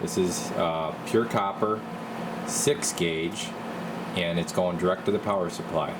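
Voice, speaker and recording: Here the voice sits low and unhurried, and the recording is very noisy. The speaker, a male radio repair technician and video host, rambles casually as he guides viewers through a hands-on job.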